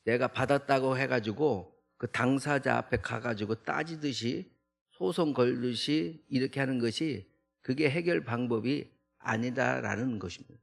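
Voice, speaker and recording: Male junior pastor, gravelly, mid-pitched; conversational dawn sermon peppered with rhetorical tags. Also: normal speed. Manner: acts out the psalmist's protests in a raised voice. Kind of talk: early morning prayer sermon. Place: church sanctuary.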